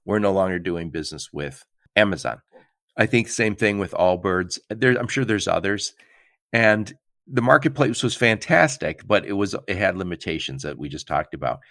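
Low-voiced chatty male podcast host. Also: lively intonation, moderate pace, a bit bright, no echo, clean studio sound. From Michigan. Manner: chatty, laughs often, acts out quotes. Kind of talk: casual interview chat.

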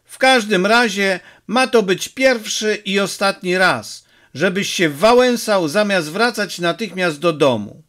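A man's voice: high-pitched, lively intonation, unhurried, few pauses, a bit bright, voice pushed up. A man voicing an angry, short-tempered village father who scolds his son, in an audiobook reading. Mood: angry, scolding. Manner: scolding, exasperated.

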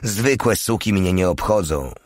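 A man's voice: low voice, lively intonation, a little slow, no room sound, studio quality. A man voicing a bitter legionnaire who growls, boasts and sneers at women. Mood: scornful, brooding. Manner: scornful, growling.

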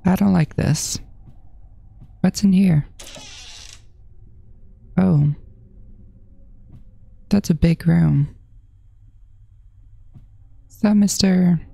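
A woman's voice: fairly low pitch, creaky, warm tone. A woman commenting on her horror game playthrough, jittery and repeating panicked phrases to herself. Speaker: gaming channel host. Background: faint background music.

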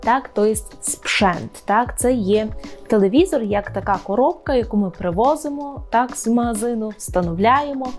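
A woman words in a lesson. She explains patiently, keeps checking with a quick question, and says the example words slowly and clearly. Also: fairly high pitch, animated, a little mellow, soft background music. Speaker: Polish language teacher. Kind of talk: online language lesson.

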